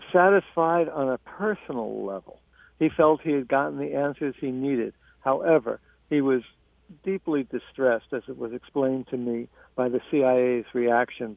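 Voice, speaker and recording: A man, an author being interviewed about his book, speaking in a measured, halting way with frequent restarts. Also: medium pitch, vocal fry, no echo. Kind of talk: radio interview. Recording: tinny phone line.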